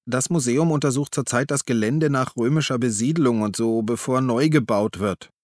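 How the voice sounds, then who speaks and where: A man's voice: mid-range voice, moderate pace, a little mellow, dry recording, clean studio sound, lightly acted. Man voicing a sheepish, evasive policeman. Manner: embarrassed, evasive.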